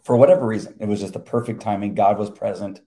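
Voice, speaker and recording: Middle aged guy, low mellow voice, stumbles over words, gets emotional and laughs a lot. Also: steady tone. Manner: halting, emotional, laughs often. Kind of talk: casual faith talk.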